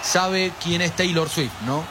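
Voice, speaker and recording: A man's voice: high voice, takes it slowly. A man with an Argentine accent narrating a live football stream, chatting with viewers, reading their messages and urging them to like. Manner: animated, reads viewer chat aloud, pushes for likes. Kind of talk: live pre-match stream commentary. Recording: steady background noise.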